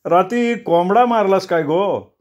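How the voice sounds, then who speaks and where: A man's voice: high voice, unhurried, darkish tone, pitched above the performer's own voice. A man putting on a wheedling old villager. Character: old male slum dweller, wheedling and boastful.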